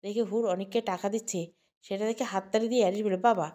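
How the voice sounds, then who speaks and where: A woman narrating an emotional audio story in an even, heartfelt way. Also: mid-range voice, quick pace.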